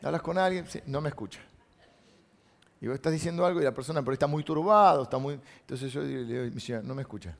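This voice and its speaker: A man's voice: a little high, fast, vocal fry. A middle-aged man, a pastor giving a conversational sermon, reading scripture aloud and making asides to the congregation.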